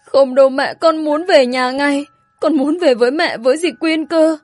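A woman's voice: high-pitched, moderate pace, darkish tone, no echo, faint music behind, pitched above the performer's own voice, natural voice. A woman voicing a small boy who is crying and begging to go home to his mother. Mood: sobbing, pleading. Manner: tearful, pleading.

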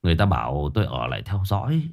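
A man's voice: low voice, sing-song, very fast, creaky, darkish tone, full character voice. A man doing a grumbling middle-aged patient. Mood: plaintive. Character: middle-aged male hospital patient, complaining.

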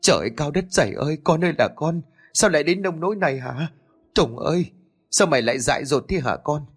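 A grieving village mother in a storybook, wailing and sobbing her lament in a raised, high voice, as a male narrator puts her on. Her cries swing up and down, with soft music behind. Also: animated, brisk, husky.

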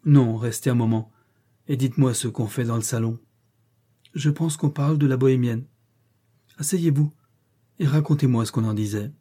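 A man reading the part of a brooding, masterful middle-aged nobleman in an audiobook, measured and teasing. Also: mid-range voice, warm tone, lightly acted. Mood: bantering.

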